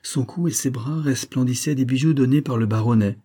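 A man reading a novel aloud as an audiobook narrator, in a steady, measured way. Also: medium pitch.

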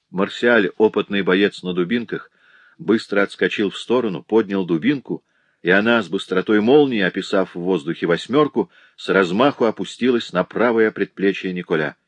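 A man reading a novel aloud in a dramatic, animated audiobook narration. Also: fairly low pitch, dry recording. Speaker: audiobook reader.

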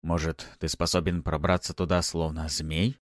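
A man's voice: extremely low pitch, little pitch movement, normal speed, no echo, studio quality. A man doing a serious, frowning partner. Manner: earnest, stern.

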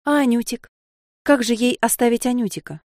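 A woman voicing a gentle, anxious female inner voice of kindness that speaks softly and pleads. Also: a little high, a little fast, no echo, studio quality, pitched above the performer's own voice, close to an everyday voice. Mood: fretful. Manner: soft, fretful, pleading.

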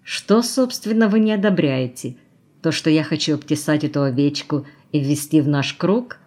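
Reading a character for an audiobook, a woman plays a worldly, cynical socialite with a mocking mood, teasing and coaxing as she goes. She has a deep, expressive voice, a little mellow and unhurried.

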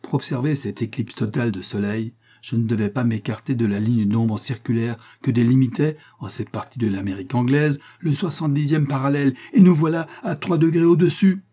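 A man voicing an indignant, excitable middle-aged male astronomer in an audiobook, with shrill, exasperated outbursts. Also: brisk, hardly any pauses, natural voice.

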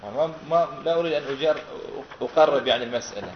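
A man's voice: mid-range voice, lively intonation, very fast, slight background noise. A man teaching a class on Quran recitation, asking his students questions and repeating their answers back patiently. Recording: roomy, dull lo-fi classroom recording.

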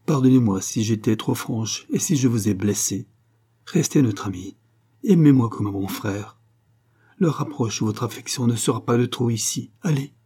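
A man's voice: medium pitch, moderate pace, warm tone, husky, natural voice. A man reading a novel aloud and voicing a fervent, pleading young pregnant woman. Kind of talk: audiobook reading.

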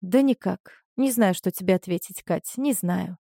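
A woman's voice: lowish voice, moderate pace, creaky, warm tone, dry recording, clean studio sound. A woman voicing a weary, guarded wife. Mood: subdued. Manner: subdued, guarded.

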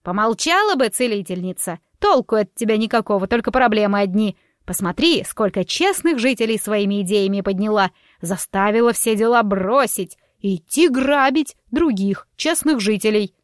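A woman's voice: mid-range voice, lively intonation, moderate pace, few pauses, no room sound, clean studio sound, lightly acted. A woman voicing a spiteful, scandal-making townswoman who shrieks her accusations. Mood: contemptuous. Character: shrill spiteful middle-aged woman, a scandalmonger.

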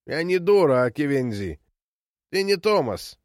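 A man's voice: high voice, sing-song, moderate pace, no echo, studio quality, pitched above the performer's own voice. A man voicing a frail, confused old woman who snaps back in short, indignant retorts, in a read-aloud story.

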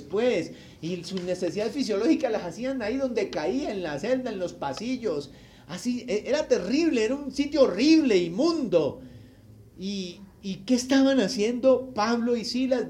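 A male pastor preaching a sermon, telling a Bible story with animated delivery and asking the congregation questions. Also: high voice, a little hiss or hum. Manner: acts out the people in the story.

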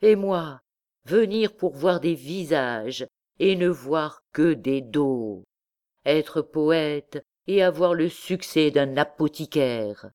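A man's voice: on the high side, a little mellow. A woman reading the part of an irritated, proud medieval male poet who grumbles and complains theatrically.

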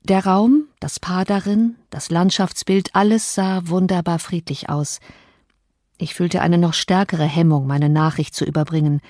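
A woman's voice: fairly low pitch, fairly even intonation, a little mellow, dry recording, studio quality. Woman reading a classic novel aloud. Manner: measured, slow on key phrases. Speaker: audiobook narrator. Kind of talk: scripted narration of a classic novel.

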